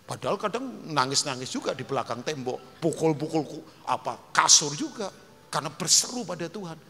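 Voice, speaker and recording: A man preaching a sermon as pastor, emphatic and animated, acting out quotes and dropping English phrases. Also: a little high, a little fast, gravelly. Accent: Indonesian. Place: large church hall. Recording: long hall reverb, faint noise.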